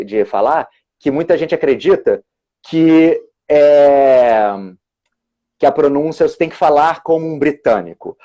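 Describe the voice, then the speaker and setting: Through dull, lo-fi video call audio, a man of medium pitch and dark tone explains on a live stream as an English teacher and exam examiner. He frequently starts his words over.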